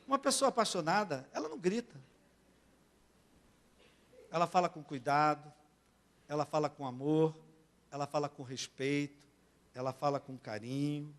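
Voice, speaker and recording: A male pastor from Brazil preaching a sermon in a church. He keeps asking the congregation for amens and swings between soft and loud. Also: fairly high pitch, normal speed, pauses often.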